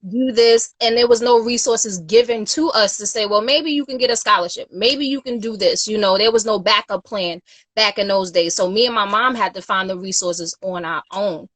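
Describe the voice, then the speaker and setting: A woman's voice: mid-range voice, moderate pace, a bit bright, no echo. A woman from Queens, a guest on a casual livestream interview, talking earnestly with many "you know"s. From Queens, New York. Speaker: guest, youth nonprofit founder.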